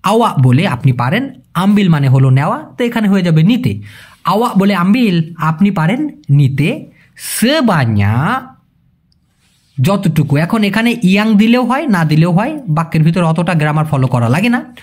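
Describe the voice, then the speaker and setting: A man's voice: high voice, sing-song, normal speed, darkish tone, slightly rough. A man teaching a language in a casual video lesson, patiently explaining and repeating key terms and quizzing his viewers.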